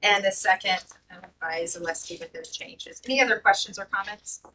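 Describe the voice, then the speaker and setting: A woman's voice: medium pitch, bright, forceful tone. Woman chairing a school board vote. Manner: brisk, reads motions and votes aloud. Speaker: board president chairing meeting. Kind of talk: formal meeting procedure. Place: school board meeting room. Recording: distant mic with faint noise.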